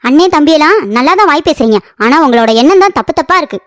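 A woman's voice: high-pitched, lively intonation, quick pace. A woman voicing a hot-tempered young woman in a cartoon story, scolding and insulting sharply. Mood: reproachful.

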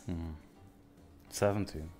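A man in his thirties giving casual, profane live-stream commentary as a casino game streamer, with excitable outbursts. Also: deep voice, takes it slowly, faint music behind. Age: 30s.

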